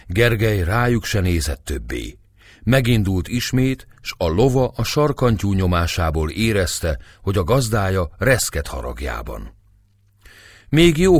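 Deep-voiced male storyteller. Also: breathy edge, no room sound. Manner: measured storytelling. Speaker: narrator. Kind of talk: audiobook narration of a historical novel.

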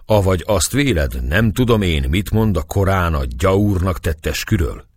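A man voicing a calm, shrewd priest questioning a prisoner, with a husky voice. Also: low-pitched, dry recording, studio quality. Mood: stern. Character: calm, shrewd Hungarian male priest, sharp and probing.

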